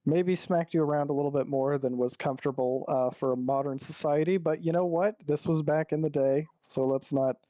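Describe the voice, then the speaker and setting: A man running a tabletop game, his voice sitting a touch high for a man. He rambles and thinks aloud with plenty of ums and uhs. His sound is dry and close, on a home mic over a call. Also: steady tone, brisk, hardly any pauses, mellow, no echo. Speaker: game master. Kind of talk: narrating a tabletop game online.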